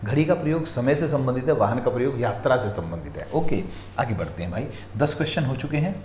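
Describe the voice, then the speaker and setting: Guy teaching exam reasoning, mellow voice that swings up and down a lot, echoey room. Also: medium pitch, expressive. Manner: repeatedly urges viewers to pause and look carefully. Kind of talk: explaining practice questions. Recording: echoey room, faint noise.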